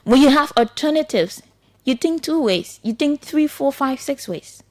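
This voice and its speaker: A woman's voice: sits high, animated, unhurried, a little mellow. A Liberian woman, a radio host and journalist, giving earnest talk-radio commentary, repeating her points as she pleads a case.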